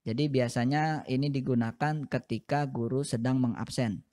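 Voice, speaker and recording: A man's voice: medium pitch, steady tone, normal speed, dark tone. A man teaching English to young students, patiently repeating each phrase twice and explaining it step by step. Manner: explains patiently in short steps. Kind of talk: recorded classroom lesson for seventh graders.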